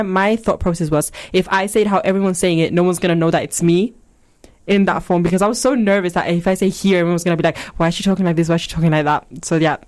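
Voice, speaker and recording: A woman's voice: lowish voice, darkish tone. A young woman from Spain, co-hosting a casual radio chat, telling stories in a chatty way. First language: Spanish. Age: young adult. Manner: chatty, laughs often, storytelling. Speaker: radio co-host.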